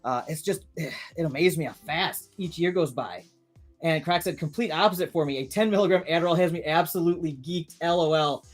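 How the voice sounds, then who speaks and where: Soft background music plays as a man in his thirties reads viewer comments on his live stream. His voice is fairly high and fairly quick, and he chats casually, rambling with many restarts.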